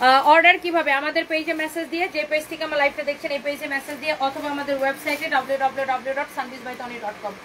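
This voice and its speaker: A boutique owner runs a live clothing sale, bantering with viewers' comments while pushing each item in a chatty, repetitive pitch sprinkled with English phrases. Her voice is high, rapid, sharp and flat in delivery. The low-quality recording carries a faint room hum beneath her.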